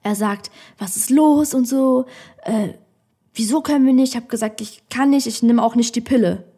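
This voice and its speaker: Woman, comedian, candid storytelling, outspoken and emphatic, fairly high voice, studio podcast mic. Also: moderate pace, mellow, slightly rough.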